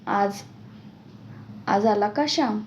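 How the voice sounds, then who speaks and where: A woman's voice: medium pitch, slow, darkish tone, lo-fi sound, a little hiss or hum, natural voice. Woman reading as a coaxing young swim teacher. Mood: encouraging. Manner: coaxing, encouraging. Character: encouraging young man teaching swimming.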